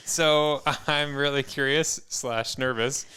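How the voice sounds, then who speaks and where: A man's voice: mid-range voice, fairly even intonation, slow pace, sharp tone, smooth. A man co-hosting a podcast in casual chat, an easygoing storyteller who laughs often. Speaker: podcast co-host.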